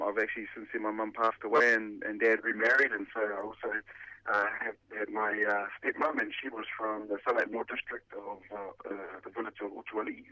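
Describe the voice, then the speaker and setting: A man's voice: lowish voice, bright, forceful tone, no echo, rough recording. A man in his forties, born and raised in New Zealand, a pastor answering radio interview questions thoughtfully with many fillers and restarts. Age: 40s. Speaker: pastor and former rugby player.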